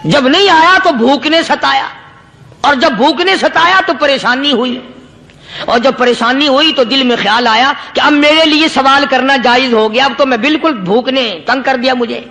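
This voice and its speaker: High, bright-voiced male preacher. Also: vocal fry. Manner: storytelling, emphatic repetition, chanted Arabic verses. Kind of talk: sermon.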